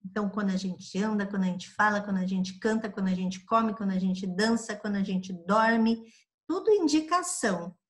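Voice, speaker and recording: A woman from Brazil teaching a grade-school lesson review, patiently drawing out each example word for young pupils. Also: mid-range voice. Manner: patient, spells out examples slowly for children.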